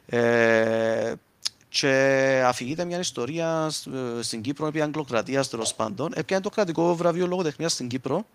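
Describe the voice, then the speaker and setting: A man's voice: mid-range voice, smooth. A man with a Cypriot Greek accent explains things informally with examples, speaking in dialect and slipping in standard terms. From Cyprus. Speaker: linguist speaker.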